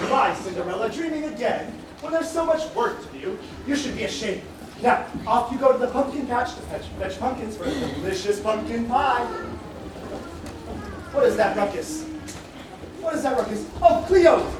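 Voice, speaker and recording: A woman's voice: on the high side, noisy background, lightly acted. Woman as fussy storyteller in very echoey theatre. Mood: fussy, exclaiming. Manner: expressive, exclaiming. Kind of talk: children's stage musical narration and acting. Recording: very echoey theatre, distant, music.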